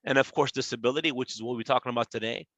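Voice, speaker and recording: Talking very fast with fairly even intonation, this man has a mid-range, fairly bright voice recorded without echo. He's a government agency presenter in his forties, leading a relaxed webinar on workplace law where he explains, restates ideas, and checks in with "right?"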